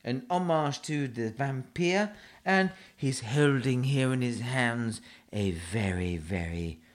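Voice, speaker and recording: A man's voice: medium pitch, lively intonation, slow pace. A man hosting a radio show, rambling, scatterbrained and poking fun at himself. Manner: scatterbrained, rambling, self-mocking. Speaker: radio host. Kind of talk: rambling comedic radio chat.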